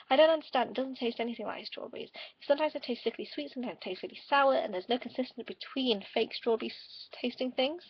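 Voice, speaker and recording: A woman talks to camera in a tired, subdued ramble, her words tumbling out fast. Her voice sits a little high, with gravelly fry and a husky, breathy edge. The recording is dry and dull, like cheap home gear. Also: dry recording. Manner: rambling, subdued and quieter than usual. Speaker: vlogger. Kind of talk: casual vlog chat to camera.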